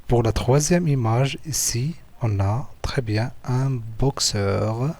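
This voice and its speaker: A man with an Algerian French accent, walking through written school exercises as a teacher, slowly repeating words and syllables. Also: medium pitch, expressive, darkish tone. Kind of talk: slow, patient lesson walkthrough.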